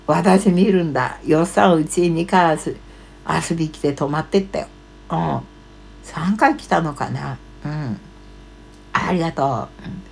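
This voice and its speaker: A woman in her seventies chatting casually as a live streamer, reading out viewer comments haltingly with short murmured acknowledgements. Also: creaky. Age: 70s. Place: small cluttered room at home, indoors. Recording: low electrical mains hum.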